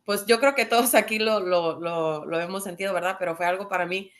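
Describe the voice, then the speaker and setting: A woman's voice: mid-range voice, brisk. A woman, a church member, sharing a personal testimony earnestly and searching for words.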